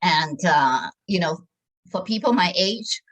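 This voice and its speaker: Speaking slowly and expressively in a fairly low voice, a sixties-aged wellness presenter pitches a program informally. Her delivery is halting, full of fillers and false starts, and the recording quality is poor.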